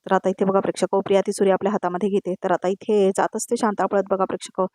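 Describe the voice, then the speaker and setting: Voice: mid-range voice, flat delivery, rapid-fire, a little mellow, dry recording, clean studio sound. A voice-over narrator retelling a TV serial episode, addressing viewers repeatedly and piling up scene descriptions.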